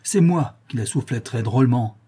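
A man's voice: mid-range voice, lively intonation, fairly quick, mellow, breathy edge. A man doing a spiteful, mocking young woman. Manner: mocking, taunting.

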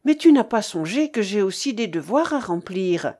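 A woman's voice: medium pitch, very animated, moderate pace, dark tone. A woman reading a grave, anguished old aristocratic father. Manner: grave, pleading, indignant outbursts. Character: aging grieving aristocratic father, stern and anguished. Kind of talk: audiobook character reading.

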